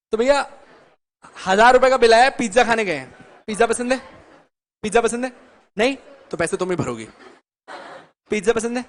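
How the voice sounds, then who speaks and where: A young man lecturing a live class on law, teasing students by name and mixing Hindi with English. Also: high-pitched.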